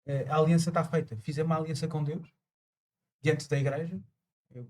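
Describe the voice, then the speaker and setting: A man, a deacon preparing for priesthood, speaking slowly and reflectively with many pauses and fillers. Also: fairly high pitch, fairly even intonation, darkish tone. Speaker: transitional deacon, guest. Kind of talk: casual conversation.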